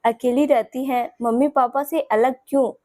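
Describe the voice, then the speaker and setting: A woman voicing a persistent young man in love who talks softly and gently to coax her in a storybook. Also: high-pitched, fairly even intonation, normal speed, dry recording, close to an everyday voice. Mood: tender. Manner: soft, gentle and coaxing.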